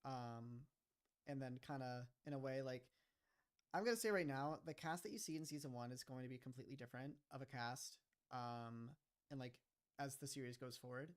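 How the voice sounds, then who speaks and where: Smooth-voiced young man chatting casually. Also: mid-range voice, normal speed. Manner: rambling, full of "like" and "kinda". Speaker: streamer and series creator. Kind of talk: casual livestream chat.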